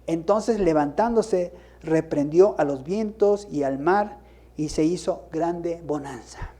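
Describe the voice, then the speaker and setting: A man's voice: a little high, slow, warm tone. A male pastor gives a sermon. He asks rhetorical questions and rises into emphatic bursts.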